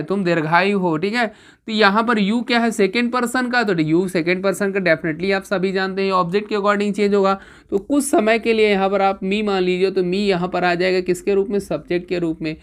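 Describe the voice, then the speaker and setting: A woman's voice: lowish voice, smooth. A woman teacher explaining grammar to exam students, asking questions and answering them herself. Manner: checks in with students constantly, asking and answering her own questions.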